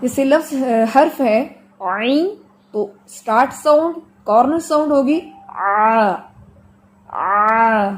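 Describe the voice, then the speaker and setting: A woman teaching the pronunciation of Quranic letters in an online class, explaining patiently with everyday examples and drawing out sounds slowly for students to copy. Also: high voice, animated, a little hiss or hum. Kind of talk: online tajweed lesson.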